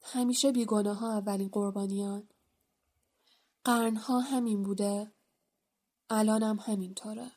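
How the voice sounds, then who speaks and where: A woman voicing a sad, solemn male centaur who speaks quietly, slowly and cryptically, sighing, in an audiobook. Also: fairly high pitch, natural voice. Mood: sorrowful. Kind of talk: audiobook character voice.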